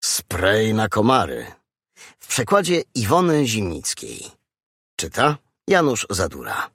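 Gravelly, slow, lively male storyteller. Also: fairly low pitch, dry recording, clean studio sound. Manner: expressive, dramatic storytelling. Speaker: audiobook narrator. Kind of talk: children's audiobook narration.

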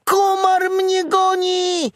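Little piglet in a storybook, shrill and frantic, way up high and loud. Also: male voice, slow, no echo, studio quality, full character voice. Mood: panicked shrieking. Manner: shrill, shrieking in alarm. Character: small panicky young male piglet. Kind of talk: children's audiobook reading.

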